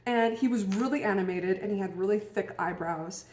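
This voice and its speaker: A woman's voice: medium pitch, moderate pace, darkish tone. A woman recounts a personal experience in a casual, thoughtful way. She hesitates often and restarts her sentences. Her voice sits in the middle range, with a roomy echo around it. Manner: musing, hesitant, many fillers and restarts. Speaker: vlogger.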